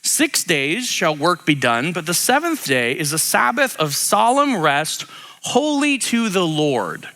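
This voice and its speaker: A man preaching a conversational sermon, animated and acting out the voices he quotes. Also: high voice, unhurried. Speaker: pastor.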